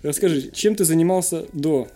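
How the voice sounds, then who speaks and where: A slightly higher-voiced man with a soft, mellow tone hosts a casual interview over music. He burrs his r sounds and talks in a joking, self-deprecating way. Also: normal speed. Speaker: interview show host.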